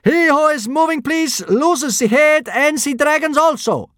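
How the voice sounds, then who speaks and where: A man's voice: extremely high pitch, sing-song, normal speed, dry recording, clean studio sound, pitched above the performer's own voice. A man voicing a burly male Roman thug in disguise who speaks in broken, garbled sentences. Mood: menacing. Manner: shouty, garbled grammar.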